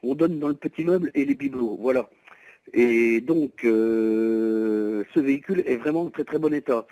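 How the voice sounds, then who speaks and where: A man at home explains, hesitantly and with lots of polite words, the used van he's privately selling over the telephone. His voice is medium-pitched and warm, his pace moderate, and the low-quality recording has no room sound.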